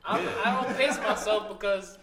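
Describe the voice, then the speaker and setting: A man co-hosting casual banter, slangy and excitable, repeating himself as he interjects. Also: sits high, moderate pace, recorded from a distance. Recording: echoey room, loud crowd of voices.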